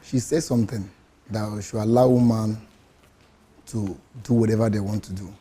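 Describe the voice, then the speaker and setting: A man's voice: lowish voice, steady tone, normal speed, warm tone, slightly rough. A man on a talk show panel, arguing his point stubbornly and repeating himself. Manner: stubborn, repetitive, argumentative.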